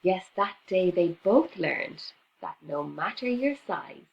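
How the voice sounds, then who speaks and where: A woman reading a rhyming picture book aloud to children in an expressive, sing-song teacher's way. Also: fairly low pitch, slow pace, gravelly, lo-fi sound.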